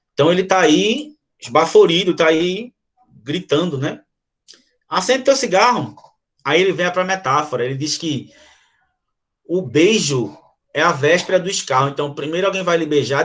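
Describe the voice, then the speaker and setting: A Brazilian man teaching a literature class, explaining a sonnet and reading its verses aloud to his students. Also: a little high. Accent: Brazilian Portuguese. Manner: animated, addresses students directly, reads verses aloud. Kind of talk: online class explaining a poem.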